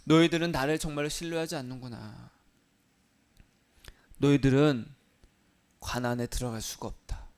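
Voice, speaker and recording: Male preacher doing a solemn, commanding God, resonant and clear. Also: medium pitch, fairly even intonation, moderate pace, long pauses, darkish tone, close to an everyday voice. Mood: stern. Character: stern angry God pronouncing judgment.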